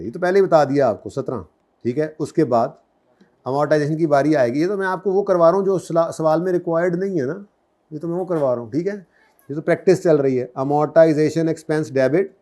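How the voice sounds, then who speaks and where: A man giving an accounting lecture, mixing casual explanation with slow, word-by-word dictation in English. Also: fairly high pitch, mellow. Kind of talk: classroom lecture, dictating answers slowly.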